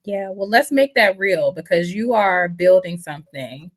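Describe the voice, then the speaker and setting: A woman's voice: fairly low pitch, lively intonation, a little slow. A woman hosting a podcast interview in casual, conversational talk with frequent fillers, speaking over an online call. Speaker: podcast host. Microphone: online video call.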